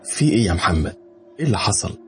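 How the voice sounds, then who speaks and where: A man's voice: deep voice, big pitch swings, racing, faint music behind. A man playing a worried, loyal Egyptian friend. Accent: Egyptian Arabic.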